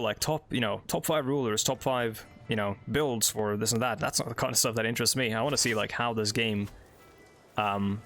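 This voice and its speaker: With a mid-range, somewhat bright voice, this young let's play host from Norway talks through gameplay in accented, non-native English. His commentary wanders, full of filler words and casual remarks as he reads out the game's text.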